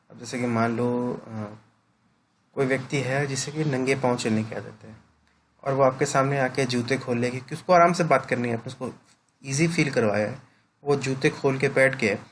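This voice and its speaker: A man's voice: medium pitch, a little hiss or hum. A male teacher explaining a lesson to his students, often checking in with short "right?" tag questions. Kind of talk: classroom lecture.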